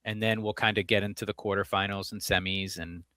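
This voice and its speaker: Male podcast co-host, mid pitch, bright tense timbre, dry close-miked sound, upbeat chatty delivery. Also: flat delivery, no echo. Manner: upbeat, quick agreeing interjections. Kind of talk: casual sports chat.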